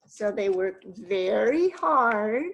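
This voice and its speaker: A woman reading a children's story aloud, with lively asides and "um"s to her young listeners. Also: medium pitch, drawn-out words, rough recording.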